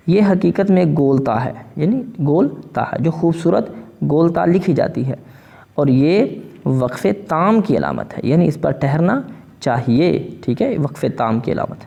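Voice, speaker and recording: A man's voice: creaky, mellow, lo-fi sound. A man teaching a lesson on Quran recitation marks, often checking in with a rising "okay?". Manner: repeats "ٹھیک ہے جی؟" with rising pitch. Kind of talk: explanatory lesson.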